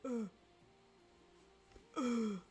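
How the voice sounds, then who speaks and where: A woman's voice: on the high side, steady tone, extremely slow, mellow, a little hiss or hum. A woman chatting casually on a live stream while playing, reading and answering chat and groaning at misses. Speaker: game streamer.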